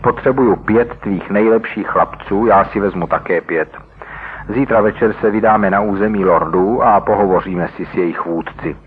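A man's voice: fairly low pitch, a little hiss or hum, lightly acted. A man voicing a tough young male gang leader who speaks in a brash, commanding way, heard over a tinny radio broadcast.

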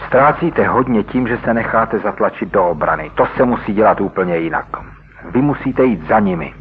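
A brash, commanding young gang boss, put on by a man reading a radio story. His voice is pushed up higher than a low male voice usually sits. The sound is tinny and narrow, with a faint hiss beneath it. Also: lively intonation, close to an everyday voice. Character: tough young male gang leader, bold.

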